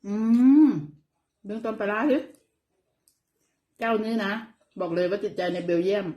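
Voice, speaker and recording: A woman's voice: mid-range voice, steady tone, normal speed, dark tone. A middle-aged woman with an Isan Thai accent chats casually as she eats, chewing while talking and humming over her food. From Thailand. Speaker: host of an eating vlog. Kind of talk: casual chat while eating. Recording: echoey, roomy sound.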